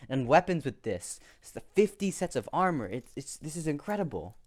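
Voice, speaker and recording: A man voicing an excitable male village blacksmith who gushes and stammers with amazement. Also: fairly high pitch, a little fast, pitched above the performer's own voice. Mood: excited, gushing.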